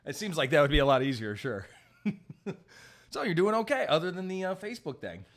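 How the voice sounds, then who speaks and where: A man in his thirties co-hosting a casual talk stream, playful and joking with quick interjections. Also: fairly high pitch, big pitch swings. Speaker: podcast co-host. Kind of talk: casual chat.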